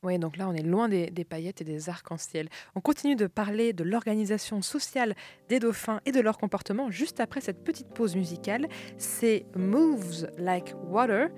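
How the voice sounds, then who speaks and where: A woman's voice: mid-range voice, brisk, darkish tone. A woman hosts a radio science interview, asking questions and leading into a music break. Her manner is light and conversational. Faint music sits behind her voice. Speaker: radio host.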